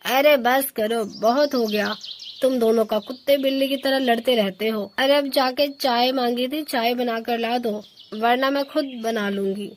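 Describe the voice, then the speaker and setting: A woman's voice: high-pitched, a little slow, a little hiss or hum. Woman voicing a bossy old crow mother-in-law. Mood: scolding. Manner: scolding, commanding. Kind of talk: cartoon voice acting.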